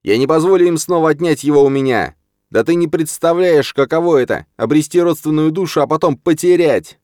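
A man reading an audiobook, voicing an angry, desperate young man who shouts and sneers bitterly. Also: medium pitch, brisk, dry recording, clean studio sound, pitched above the performer's own voice, natural voice. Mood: desperate shouting. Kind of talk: audiobook character voice.

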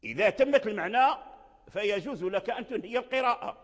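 A man with a high voice gives a patient lesson on Quran recitation rules. He pauses and repeats words mid-thought and slows to sound out examples. His voice carries a long hall reverb. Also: expressive. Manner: halting, repeats words while explaining, slows to spell out examples. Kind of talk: spoken religious lesson on Quran reading rules.

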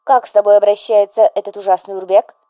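A woman's voice: medium pitch, fairly even intonation, fast, mellow, no room sound, voice pushed up, natural voice. A woman voicing an overbearing, melodramatic widowed mother who scolds and presses her grown son, in an audiobook. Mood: stern.

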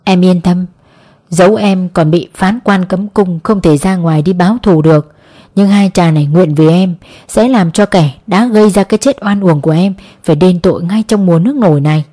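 A woman's voice: lowish voice, moderate pace, warm tone, close to an everyday voice. A woman voicing a hot-tempered vengeful young man. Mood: urgent.

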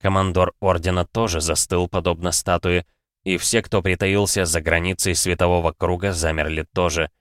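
Male audiobook narrator, measured and even; low, dry voice. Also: no room sound. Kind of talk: scripted fantasy narration.

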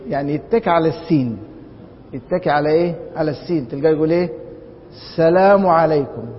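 A man with an Egyptian Arabic accent teaching Islamic law in a classroom lecture. He keeps posing rhetorical questions and answering them himself. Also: racing. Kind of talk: classroom lecture on a religious text. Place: large mosque lecture hall. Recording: dull, reverberant hall with faint rumble.

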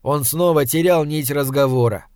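A man narrating a literary audiobook in a steady, even storytelling manner. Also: on the high side, moderate pace, clean tone, no room sound, clean studio sound.

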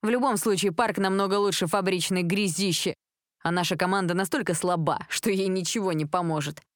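A woman's voice: on the low side, brisk, no room sound, studio quality, natural voice. A woman doing a smug, sneering rich teenage boy. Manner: sneering, cool. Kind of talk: audiobook character voice.

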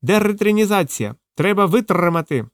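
A man voicing a small sick green parrot that shrieks single words in a hoarse voice. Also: expressive, normal speed, no room sound, studio quality. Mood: shrieking. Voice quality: hoarse, shrill.

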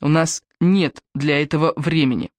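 A woman reading an audiobook and voicing a harried young mother who scolds briskly. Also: low-pitched, darkish tone, no room sound, natural voice. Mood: stern. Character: harried young mother, stern yet guilty.

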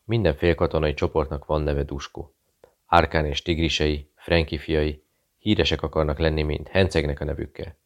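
A man reading a calm British investigator who talks in a friendly, quietly persuasive way. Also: rumbling low. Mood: probing. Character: cool British male investigator posing as journalist.

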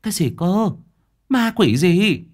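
A man voicing a middle-aged village woman, who asks quick, scolding questions. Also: on the high side, sing-song, a bit bright, voice pushed up. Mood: alarmed.

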